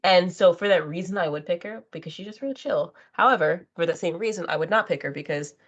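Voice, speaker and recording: A woman's voice: fairly low pitch, a little fast. A woman co-hosting a podcast in casual chat, giving blunt opinions and repeating phrases for emphasis. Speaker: podcast co-host. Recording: dull, lo-fi podcast audio.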